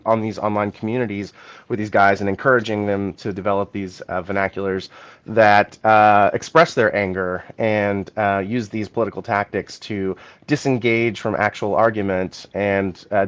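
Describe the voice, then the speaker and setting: In a relaxed podcast chat, a man co-hosting the show talks over a political subject at length, reasoning aloud as he goes. His voice is fairly low, and the sound is lo-fi.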